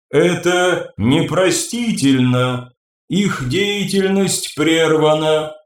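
A man voicing a serene, commanding female being made of flesh, speaking slowly and solemnly with a soft, ringing, imperious voice. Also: on the high side, reverberant, voice pushed up. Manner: slow solemn ritual pronouncements.

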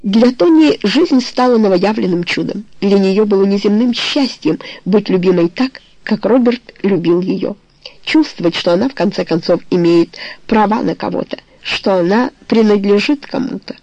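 A woman narrating a novel in an even, measured storytelling voice. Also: medium pitch, no echo. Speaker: audiobook narrator. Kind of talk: novel reading.

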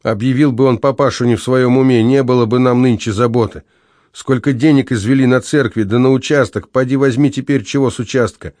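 A man's voice: medium pitch, fairly even intonation, a little fast, darkish tone, dry recording, natural voice. A man voicing a tired, irritated grown son in an audiobook reading. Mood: weary. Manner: weary, vexed.

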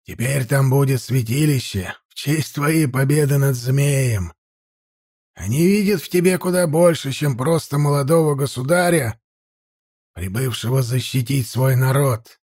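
A man doing a harsh old priest in a storybook reading, his aged voice sharp and lecturing. He sounds stern and unyielding. It is recorded close and dry. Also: medium pitch, measured pace, breathy edge, no echo.

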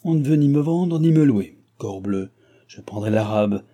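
An arrogant, quick-tempered young nobleman, as a man reads him, barks his orders in a raised, imperious voice. The tone stays dark and husky under the lifted pitch. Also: lively intonation, lightly acted.

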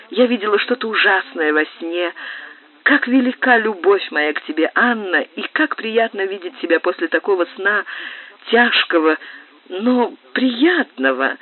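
A woman voicing a dreamy, frightened young woman who speaks softly and pleadingly to her sister. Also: medium pitch, voice pushed up. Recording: tinny lo-fi digitized tape.

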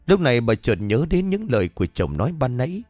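A man narrating a scripted ghost story in an expressive, dramatic reading. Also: mid-range voice, quick pace, no room sound. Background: faint background music.

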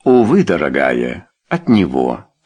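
A man doing a pompous, guilty gentleman. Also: fairly low pitch, big pitch swings, a little slow, full character voice. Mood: rueful. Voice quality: pompous, then mumbling.

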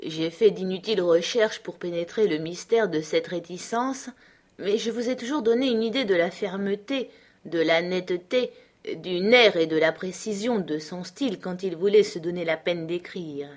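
A woman narrating a classic novel at a measured, even pace. Her voice sits a little low, and her reading is careful and literary. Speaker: audiobook reader. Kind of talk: scripted narration.

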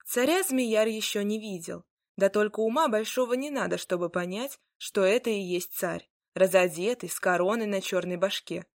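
A woman storyteller giving an expressive, dramatic fairy-tale reading. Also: mid-range voice, moderate pace, hardly any pauses, no room sound, clean studio sound.

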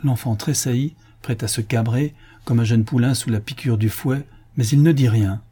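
Man, audiobook narration, dark mellow voice, husky, measured. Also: mid-range voice. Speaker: audiobook reader. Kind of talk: scripted narration.

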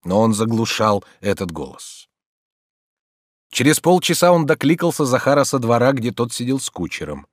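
A male narrator reads a classic novel aloud with measured, expressive delivery. His pitch rises and falls in a lively way. The recording is dry and close with no room sound. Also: no echo. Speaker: audiobook narrator. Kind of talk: literary audiobook reading.

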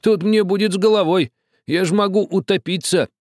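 A man's voice: sits high, moderate pace, a little mellow, dry recording, clean studio sound, voice pushed up, natural voice. A man voicing a stubborn, quarrelsome old village man who grumbles, wheedles and threatens. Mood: insistent.

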